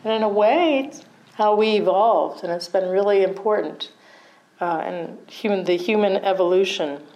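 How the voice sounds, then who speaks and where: A woman's voice: mid-range voice, normal speed, dark tone, rough recording. A middle-aged woman teaching meditation in a conversational dharma talk, often checking in with her listeners and laughing at herself.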